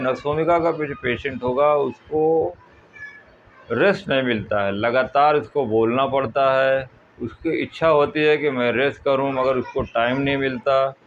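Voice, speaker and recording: A man, a homeopathy doctor, explaining remedies in a plain, measured talk. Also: mid-range voice. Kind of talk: health advice talk. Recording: tinny phone-like audio with faint noise.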